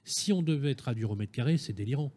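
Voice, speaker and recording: A man's voice: mid-range voice, animated, quick pace, warm tone, slightly rough. A man questioning guests in a panel discussion, direct and insistent, rephrasing as he goes.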